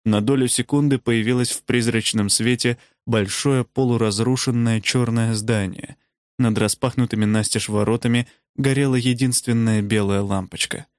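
A man reading a novel aloud as an audiobook narrator, with measured storytelling that shifts pace with the action. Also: medium pitch, no echo, studio quality.

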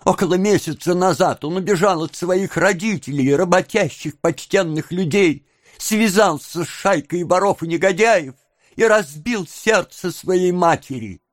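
A man voicing a hysterical young woman who wails and pleads loudly in shrill exclamations. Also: a little slow, no room sound, studio quality. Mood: pleading.

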